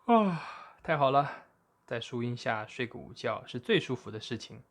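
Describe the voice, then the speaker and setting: A man voicing an easygoing, lazy big male bear who talks in a relaxed drawl. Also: mid-range voice, a little fast.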